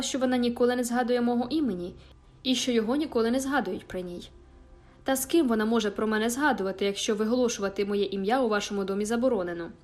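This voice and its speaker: A woman's voice: fairly high pitch, natural voice. A woman reading aloud and voicing a cruel, vengeful man who speaks in a menacing, commanding way. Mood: scornful. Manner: menacing, commanding, louder than narration.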